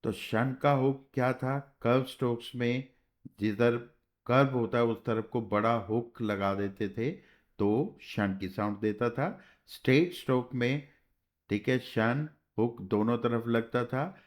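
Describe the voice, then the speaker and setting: A man's voice: mid-range voice, steady tone. A man teaching a shorthand class, explaining step by step in a patient way and often checking with "okay". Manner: slow, patient, spells out sounds and checks with "theek hai". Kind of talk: classroom lesson.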